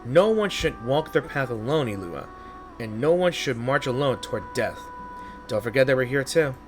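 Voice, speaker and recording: A man's voice: medium pitch, lively intonation, normal speed, soft background music, lightly acted. Man reading as earnest, steadfast squad captain. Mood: determined.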